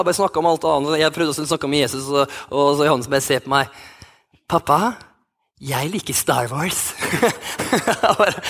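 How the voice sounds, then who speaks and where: A man's voice: a little high, vocal fry, a bit bright. A man in his thirties, a youth pastor, telling a personal story in a sermon with many restarts and fillers. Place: church hall.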